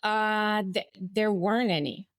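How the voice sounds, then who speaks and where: This is a personal storytelling interview with a woman in her forties who was born in Bulgaria and raised in the US. She speaks at medium pitch, steady and unhurried, in a dry, clean studio recording. She reflects candidly on her life, laughing a little and restarting now and then.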